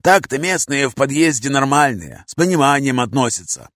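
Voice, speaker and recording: A man doing a hoarse, gruff street vagrant. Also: mid-range voice, lively intonation, a bit bright, no echo, clean studio sound, pitched above the performer's own voice, lightly acted. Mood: chatty. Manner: slangy, coarse, drawn-out talk. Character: gruff streetwise male vagrant, talkative and bossy.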